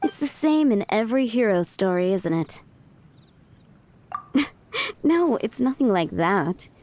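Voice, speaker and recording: A woman voicing a playful, teasing young tavern boss in a video game, speaking in an unhurried way. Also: mid-range voice, very animated, darkish tone. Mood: wry, teasing.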